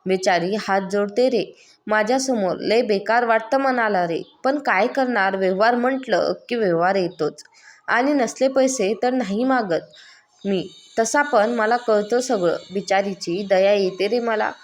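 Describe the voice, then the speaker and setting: A woman's voice: medium pitch, unhurried, natural voice. A woman voicing a scheming, lecherous male village moneylender in a spoken story, menacing and coaxing. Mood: sly friendly. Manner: menacing, coaxing then threatening.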